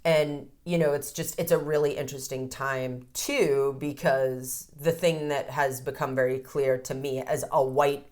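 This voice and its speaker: A woman's voice: a bass voice, fairly even intonation, measured pace, few pauses, darkish tone. A woman in her fifties, a counselor, talking frankly and reflectively in a podcast interview, with the odd casual swear word. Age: 50s. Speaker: codependency counselor and ceremony guide.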